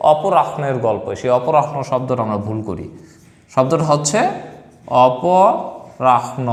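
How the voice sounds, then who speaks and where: A man teaching a spelling lesson to viewers, talking straight to them and repeating each word slowly. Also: sits high. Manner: lively, addresses viewers directly, repeats words slowly. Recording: echoey room with long reverb.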